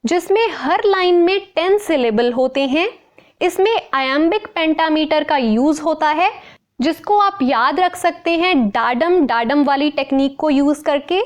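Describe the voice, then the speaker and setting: A woman teacher explaining a lesson in a clear, slow way, repeating key terms. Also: high voice. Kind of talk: Hindi-English explanatory lesson.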